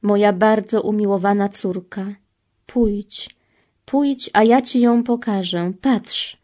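A woman reading the part of Jesus as a grieving, pleading divine man, solemn and measured. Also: mid-range voice, steady tone, a little mellow, close to an everyday voice. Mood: tender. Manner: solemn, sorrowful, slow and measured. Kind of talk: devotional reading.

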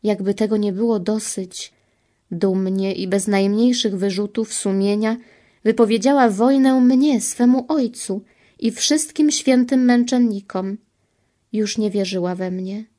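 A woman reading the part of Jesus as a grieving, pleading divine man, solemn and measured. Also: medium pitch, dark tone, lightly acted. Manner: solemn, sorrowful, slow and measured. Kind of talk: devotional reading.

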